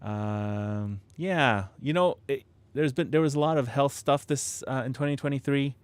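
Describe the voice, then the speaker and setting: A man with a mid-range, clean-toned voice talks a little slowly while hosting a live stream from home where he builds model kits. He chats casually and rambles with many restarts and fillers, often chuckling, close to a studio microphone showing proximity effect, in a dry recording.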